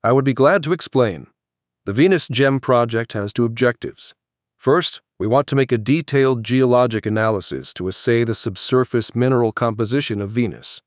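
A man reading the part of a male scientist who explains his work in a patient, measured way in an audiobook. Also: medium pitch, no room sound, clean studio sound, close to an everyday voice. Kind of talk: audiobook character voice.

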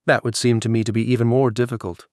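A man's voice: mid-range voice, flat delivery, fast talker, a little mellow, no room sound, studio quality, natural voice. A man voicing a critical, condescending female senator with a nasal, whiny voice, read as an audiobook character. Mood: skeptical. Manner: skeptical, cutting, condescending.

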